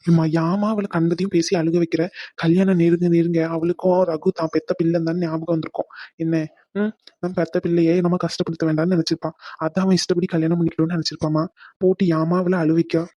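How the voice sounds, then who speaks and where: A woman's voice: lowish voice, level tone, fast talker, dark tone, no echo, lightly acted. Woman doing a soothing young groom. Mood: placating. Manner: coaxing, placating. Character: patient soothing young husband-to-be. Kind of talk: cartoon voice acting.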